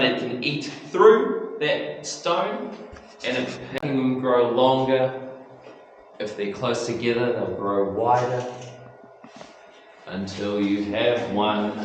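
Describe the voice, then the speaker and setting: A man's voice: medium pitch, slow pace, long pauses. Man guiding a tour in an echoing cave. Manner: addresses group casually, instructive. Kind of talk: informal guided tour explanation. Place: inside a limestone cave. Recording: echoing cave, distant mic, faint noise.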